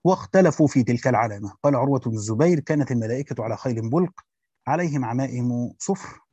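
A man's voice: mid-range voice, animated, racing, warm tone, breathy edge, no room sound, muffled recording. A man with an Egyptian accent reading a classical Quran commentary aloud, breaking off into colloquial explanations with hesitant fillers. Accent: Egyptian Arabic. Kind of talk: reading a classical text aloud with spoken asides.

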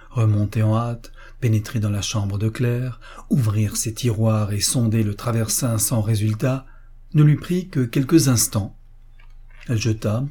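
A man narrating a literary story as an audiobook, reading in measured phrases. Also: medium pitch, warm tone, slightly rough.

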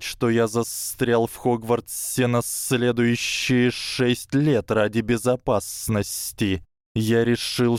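Wary young wizard, read by a male narrator: flat hissing delivery, slow and careful. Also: medium pitch, clean tone, no echo, studio quality, voice pushed up, close to an everyday voice.

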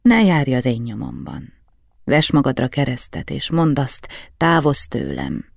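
A man voicing a gruff, bitter old alchemist in an audiobook. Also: mid-range voice, wildly swooping pitch, dry recording, studio quality, full character voice. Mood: weary.

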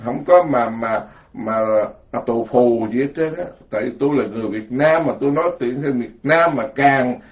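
Folksy Southern Vietnamese monk, lo-fi. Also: male voice, mid-range voice, normal speed. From southern Vietnam, Mekong Delta. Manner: folksy, joking, repeats words in emphatic lists. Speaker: Buddhist monk giving a dharma talk. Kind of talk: informal sermon. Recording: dull lo-fi recording.

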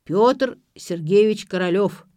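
A woman reading an audiobook, voicing a drunk, blustering middle-aged father who shouts his lines. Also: medium pitch, slow, no room sound, clean studio sound, natural voice.

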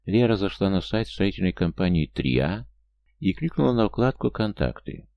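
A man narrating an audiobook with a very low, gravelly voice and a dark, mellow tone. His reading is measured and even, recorded close and dry with no room sound. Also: dry recording, dull audio. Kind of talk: scripted narration.

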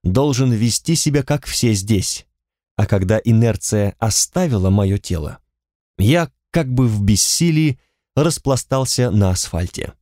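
A man narrates an audiobook in the first person, in a measured, detached way. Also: on the low side, lively intonation, mellow, no room sound, clean studio sound.

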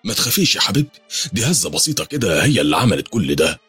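A man's voice: on the low side, sing-song, very fast, a bit bright, husky, no room sound, faint music behind, heavily acted. A man voicing a frightened father with an Egyptian accent, speaking in a soothing, firm way. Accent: Egyptian Arabic. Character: frightened father, calm and reassuring on the surface.

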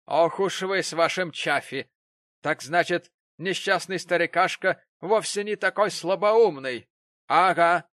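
Мужчина-чтец озвучивает насмешливую вспыльчивую пожилую сиделку, которая язвит и кричит. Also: male voice, high-pitched, unhurried, no echo, voice pushed up. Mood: sneering. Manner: sneering, shouting. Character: mocking, bad-tempered old woman nurse.

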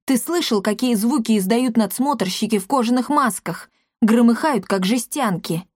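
A woman's voice: on the high side, moderate pace, no echo, studio quality, close to an everyday voice. Woman doing a grumpy talking tomcat. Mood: grumbling. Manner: grumbling, mocking. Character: grumpy sarcastic male talking cat.

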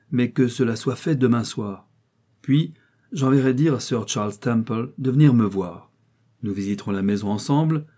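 Man reading as a cranky old rich gent, bossy and impatient, low mellow voice, storybook style. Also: lightly acted. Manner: commanding and impatient. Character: old, ailing, irritable wealthy gentleman. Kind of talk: audiobook character reading.

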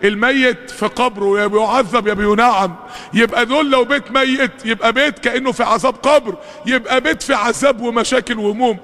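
A man's voice: very high voice, fairly even intonation, quick pace, pushed and bright. A man with an Egyptian accent preaching a fervent mosque sermon, full of rhetorical questions and calls to the congregation, recorded in a reverberant mosque hall. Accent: Egyptian Arabic.

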